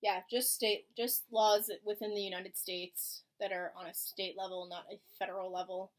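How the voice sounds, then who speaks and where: A young woman co-hosting a casual podcast, blunt and quick to swear. She rambles through her points with plenty of fillers. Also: mid-range voice, little pitch movement. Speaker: podcast co-host. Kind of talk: casual chat.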